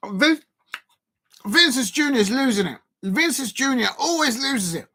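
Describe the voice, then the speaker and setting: With a very high, slightly breathy voice and a moderate pace, a man from Colombia hosts a live football watch-along. He rambles casually over the match, using many fillers and restarts and breaking into sudden excited outbursts.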